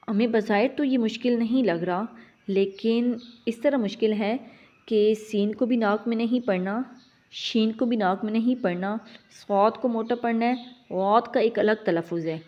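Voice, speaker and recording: A woman teaching Quran recitation, explaining each sound patiently and drawing out the model sounds slowly. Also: on the high side. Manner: drawn-out model sounds between plain explanations. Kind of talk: slow, patient recitation lesson. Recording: slightly dull lo-fi audio.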